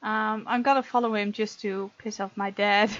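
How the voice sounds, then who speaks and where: Hosting a gaming video, this woman reads out game text and playfully, casually reacts to the characters. Her voice is medium-pitched, fairly bright and steady, at a normal speed. The audio is a bit dull, with game music in the background.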